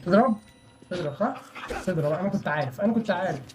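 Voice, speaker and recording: A man's voice: high voice, lively intonation, racing, a little mellow, soft background music. A young man with an Egyptian Arabic accent gives chatty, nervous commentary while playing a horror game, often apologizing to the characters on screen. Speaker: gaming channel host.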